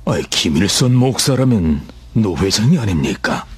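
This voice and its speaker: Deep, husky older church elder. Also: male voice, sing-song, moderate pace, full character voice. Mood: doubtful. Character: measured, mild-mannered older male church elder. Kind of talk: radio drama acting.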